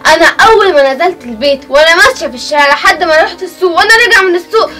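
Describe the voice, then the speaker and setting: Very high rapid egyptian girl, teary and worked up, a woman plays her, from a bit off mic. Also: animated, pushed and bright, recorded from a distance, faint music behind, exaggerated voice. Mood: upset. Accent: Egyptian Arabic. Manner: tearful, agitated complaining. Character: upset young woman harassed by a neighbor. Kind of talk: family web drama acting.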